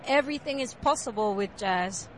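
A woman musician with a Korean accent, answering interview questions about her music, soft-spoken with many fillers. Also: mid-range voice, expressive, moderate pace, slight background noise. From South Korea. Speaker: jazz pianist and composer. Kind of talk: interview at a jazz fair.

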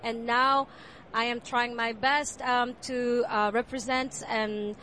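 A woman musician with a Korean accent, answering interview questions about her music, soft-spoken with many fillers. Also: a little high, little pitch movement, slow, a little hiss or hum. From South Korea. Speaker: jazz pianist and composer. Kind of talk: interview at a jazz fair.

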